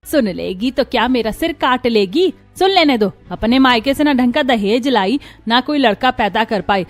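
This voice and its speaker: In a cartoon, a woman plays a cruel middle-aged mother-in-law, scolding in a harsh, taunting way while faint music plays. Her voice sits a little high and sounds expressive yet close to everyday speech, at a normal speed.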